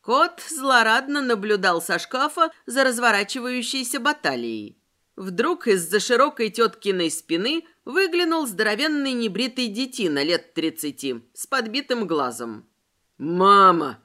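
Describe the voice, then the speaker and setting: A woman narrating a storybook aloud in an expressive reading style. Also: on the high side, a little slow. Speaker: audiobook narrator.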